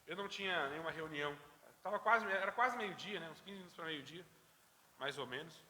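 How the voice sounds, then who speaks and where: A man teaching a church Sunday school class, telling a story in a lively way and acting out the voices. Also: on the high side, brisk. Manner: lively storyteller who acts out dialogue. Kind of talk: anecdote told to a church class. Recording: reverberant church hall.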